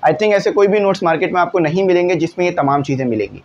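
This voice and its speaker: A man's voice: high voice, fast, muffled recording, a little hiss or hum. A male teacher, patiently explaining exam answers in a classroom lesson and often checking in with his students. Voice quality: glasses wearer.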